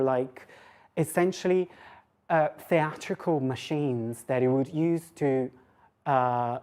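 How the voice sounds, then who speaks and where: A university lecturer with a low, mellow voice gives an academic talk in an informal register. She speaks conversationally, thinking aloud and breaking into her own sentences with side remarks.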